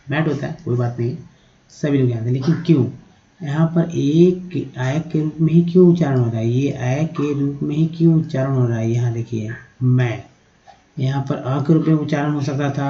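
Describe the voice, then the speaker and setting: A male teacher walks through English vowel sounds letter by letter, often checking in with his listeners. His voice is deep and very mellow. The recording sounds dull and muffled. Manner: explains letter by letter, repeating sounds and asking "है ना?". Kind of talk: Hindi-language phonics lesson.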